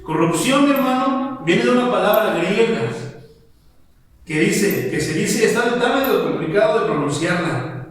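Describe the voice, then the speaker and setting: High-voiced preacher in an echoing hall. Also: male voice, expressive. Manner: reads verses slowly, asks the congregation questions. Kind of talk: expository Bible sermon. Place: church sanctuary. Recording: echoey church hall from far off.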